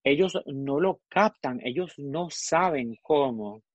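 A woman's voice: low voice, takes it slowly, dry recording, muffled recording. A woman chatting on a talk show panel, telling stories animatedly and acting out both sides of conversations. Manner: animated storyteller, acts out both sides of phone calls. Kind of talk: casual chat.

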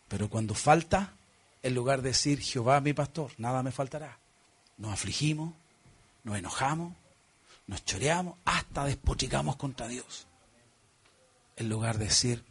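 A man with a Chilean accent preaching a sermon, emphatic and questioning his congregation, swinging from loud exclamations to hushed, earnest passages. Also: mid-range voice, breathy edge. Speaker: pastor.

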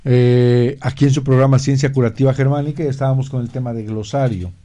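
A man hosting a radio health show, explaining terms and recounting a therapy case in a measured way, with frequent pauses and fillers. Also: medium pitch, steady tone, mellow. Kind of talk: slow explanatory talk.

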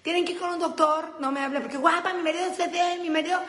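A Mexican woman tells a funny personal story with lots of laughter and crude slang. She speaks in a high voice and plays every voice in her story herself. The recording sits in an echoey room with a long reverb tail. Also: fast. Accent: Mexican Spanish. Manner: animated, laughing, crude slang, acts out both sides of the dialogue. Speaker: comedian telling a story. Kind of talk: comic storytelling monologue.

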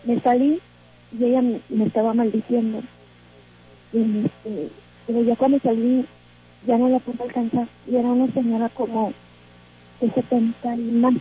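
A woman's voice: a little high, flat delivery, moderate pace, pauses often. A woman calling in to tell a frightening story, hesitant and full of fillers, still shaken. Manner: hesitant, many fillers and restarts. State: shaken, trembling. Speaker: caller. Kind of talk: telling a personal story. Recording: tinny phone line.

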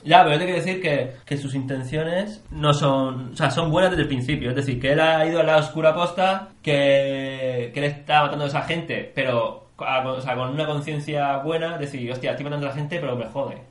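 A man co-hosting a podcast in casual chat, excitable and swearing as he weighs ideas aloud. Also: on the high side, moderate pace, few pauses, roomy sound. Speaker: podcast co-host.

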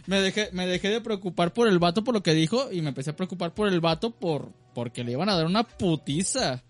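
A man with a Mexican accent co-hosting a podcast, telling crude stories, laughing often and now and then yelling. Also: sits high, lively intonation, a little fast, faint music behind. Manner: laughs often, bursts into loud yells. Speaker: podcast co-host. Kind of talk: casual crude banter and anecdote.

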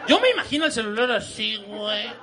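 A man's voice: high voice, sing-song, brisk, sharp tone. A young man with a Mexican Spanish accent, performing a stand-up comedy set in slangy, crude language and laughing as he tells stories. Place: comedy venue with a live audience. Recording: live audience laughter behind him.

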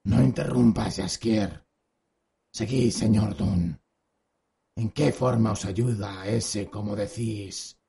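A calm, patient monster hunter in an audio drama. He speaks formally and steadily in a dark, husky, gravelly voice. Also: fairly low pitch, slow pace, full character voice. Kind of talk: audiobook radio drama acting.

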